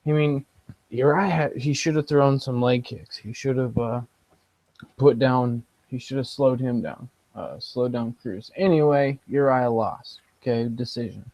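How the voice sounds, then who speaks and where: A man's voice: mid-range voice, darkish tone, dry recording, muffled recording. A man co-hosting a podcast in casual chat, rambling with restarts. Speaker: podcast co-host.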